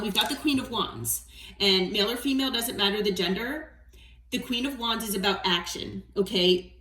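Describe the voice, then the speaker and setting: A woman giving a collective tarot reading in a gentle, encouraging way, often checking in with "okay?". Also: medium pitch, recorded from a distance. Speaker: tarot reader. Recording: roomy sound, voice away from the mic.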